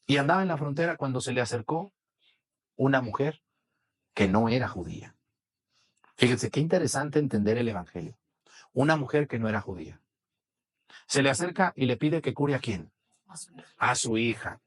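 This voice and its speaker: A man's voice: medium pitch, fairly bright tone. A man with a Mexican accent preaching a sermon, chatting with the congregation and asking them questions. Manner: conversational, asks the congregation questions. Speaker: priest.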